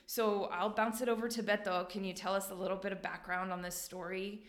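A woman co-hosting a podcast chat, speaking in a friendly, relaxed way and passing the talk to others. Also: medium pitch, a little fast. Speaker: podcast co-host and theater producer. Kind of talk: casual video-call conversation. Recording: echoey room.

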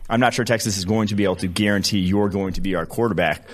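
A man with a very low voice co-hosting a sports podcast, easygoing and rambling as he breaks down teams and coaches. He talks casually, full of filler words. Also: steady tone, rapid-fire. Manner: laid-back, rambling analysis with fillers. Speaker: podcast co-host.

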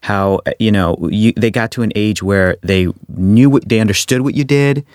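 A man hosting a podcast, asking questions with eager, affirming reactions and quick laughs. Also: on the low side, a little mellow, smooth, no room sound. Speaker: podcast host. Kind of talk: casual interview chat. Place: recording studio.

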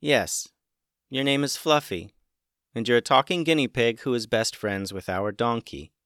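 A man's voice: medium pitch, normal speed, fairly bright tone, no echo, clean studio sound, natural voice. A man voicing a bossy young woman who captains a ship in a storybook, with firm, exasperated scolding. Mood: stern.

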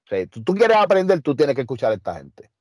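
Very animated and fast, a medium-pitched, slightly mellow voice comes through clean studio sound with no room sound. The speaker is a wrestler and trainer guesting in a casual interview, telling emphatic, streetwise stories in a Puerto Rican Spanish accent, full of fillers.

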